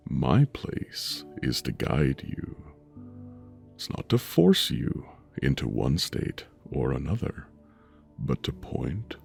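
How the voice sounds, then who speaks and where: Male meditation narrator, bottomless gravelly rumble, unhurried soothing delivery with long pauses, music underneath. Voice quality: deep rumbling voice. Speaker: meditation guide. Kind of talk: guided sleep meditation narration. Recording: soft music bed under voice. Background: soft music.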